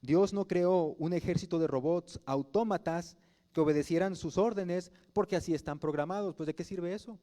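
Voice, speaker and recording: A Mexican pastor delivers his sermon in a relaxed, conversational style. His voice is warm and mellow but sits a little high for a man. He keeps turning to the congregation with rhetorical questions. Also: normal speed.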